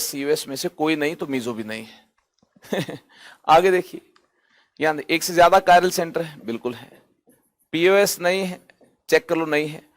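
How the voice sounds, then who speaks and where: Guy teaching chemistry online, bit high voice, asks and answers his own questions. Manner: rhetorical questions answered himself, lively rises and drops; drawn-out emphasis on key terms. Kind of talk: online lecture.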